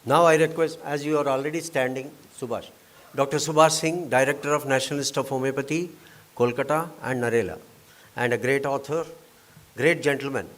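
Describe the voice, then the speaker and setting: A man's voice: medium pitch, fairly quick, a bit bright. A man with an Indian accent making courteous, effusive announcements as master of ceremonies. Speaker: event host, master of ceremonies. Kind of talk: formal event announcements with informal asides. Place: auditorium at a convention. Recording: live hall PA, faint background ambience.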